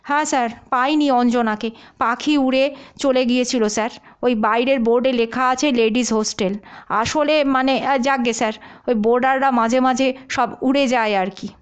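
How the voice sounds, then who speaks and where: A woman's voice: on the high side, steady tone, normal speed, clean tone, natural voice. Woman doing a servile hulking police officer. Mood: deferential. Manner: keeps saying "sir", hesitant fillers. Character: huge fearsome-looking male police officer, servile.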